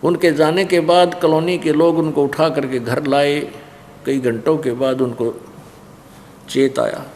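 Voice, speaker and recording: Haryanvi male preacher, animated storytelling, fairly high voice; long hall reverb. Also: a little slow, a little hiss or hum. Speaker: spiritual teacher. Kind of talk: storytelling sermon.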